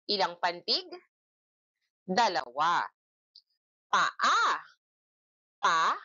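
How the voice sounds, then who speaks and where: A woman teaching a children's reading lesson, drilling words slowly and clearly by syllable and asking the class questions. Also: medium pitch, bright, forceful tone, lo-fi sound. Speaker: grade one teacher.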